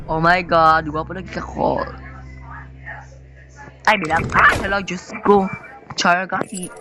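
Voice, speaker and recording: A man's voice: high voice, fairly even intonation, slow, noisy background. A man giving campy, sassy commentary on a horror game, breaking into sudden shrieks. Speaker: gaming streamer.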